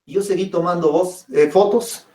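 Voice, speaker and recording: This man's high-pitched, mellow voice keeps fairly even intonation at a normal speed. He's a pastor from Guatemala giving a sermon, dramatically telling his personal testimony and calling listeners brothers and sisters, captured echoey and from afar.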